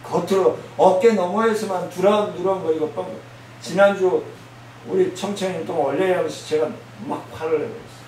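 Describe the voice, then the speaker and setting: A male pastor preaching a sermon, blunt and scolding, with loud emphatic outbursts. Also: high-pitched, moderate pace. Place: church sanctuary. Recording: very echoey church hall, mic from a distance, faint hiss.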